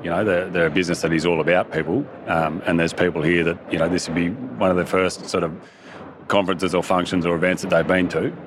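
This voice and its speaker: A man's voice: low voice, fairly even intonation, fast talker, noisy background. An Australian man being interviewed casually, speaking in a plain, colloquial way. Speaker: conference attendee being interviewed.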